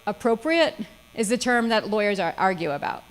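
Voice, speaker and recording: A woman's voice: medium pitch, big pitch swings, moderate pace, rough recording. A woman lawyer giving a seminar lecture, with frequent "okay?" check-ins and dry sarcasm. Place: seminar room.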